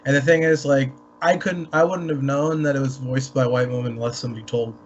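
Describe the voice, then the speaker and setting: Man, mid-pitched and measured, opinionated in podcast chat; dull recording with light hiss. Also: steady tone. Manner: measured, opinionated, repeats "you know". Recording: dull lo-fi sound with faint hiss.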